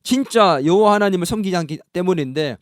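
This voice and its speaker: A man's voice: high voice, lively intonation, fast, no room sound, clean studio sound, pitched above the performer's own voice. A man preaching, voicing a bold male prophet who challenges and taunts rival priests in a raised voice. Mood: challenging.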